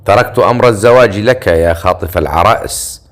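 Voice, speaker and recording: A confident, sardonic male comrade in an audiobook fantasy tale, teasing his friends with easy assurance, as a male narrator voices him. His tone is low and steady. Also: brisk, lightly acted.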